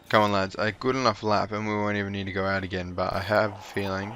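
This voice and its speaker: Male gaming commentator, casual let's-play chatter, lowish pitch, bright tense tone. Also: a little hiss or hum. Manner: chatty, cheers on his drivers, jokey asides. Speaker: gaming YouTuber.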